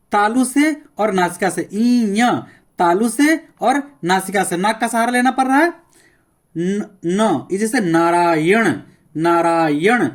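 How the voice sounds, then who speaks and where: Patient man drilling sounds. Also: high-pitched. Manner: repeats sounds slowly, enunciating each one as a demonstration; coaxing, keeps telling listeners to pay attention and try it aloud. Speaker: teacher. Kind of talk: classroom grammar lesson.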